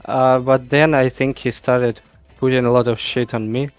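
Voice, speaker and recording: A man's voice: mid-range voice, level tone, normal speed, smooth, no room sound, soft background music. A man from Ukraine, a tournament player, talking hesitantly after his match with many fillers. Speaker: player guest. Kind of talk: casual post-match talk.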